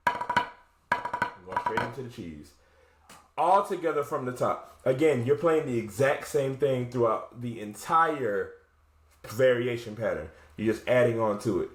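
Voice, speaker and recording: A man's voice: mid-range voice, moderate pace, faint music behind. A man casually explaining drum rudiments step by step, correcting himself as he goes while demonstrating on a drum. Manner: casual, self-correcting, thinking aloud. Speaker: drumline instructor. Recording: echoey room with drumming. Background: drum playing.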